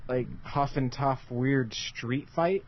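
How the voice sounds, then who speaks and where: A man's voice: medium pitch, takes it slowly, slight background noise. A man co-hosting a casual gaming podcast, rambling with a wry, offhand manner. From United States. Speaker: podcast co-host. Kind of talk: casual chat. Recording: dull lo-fi podcast mic.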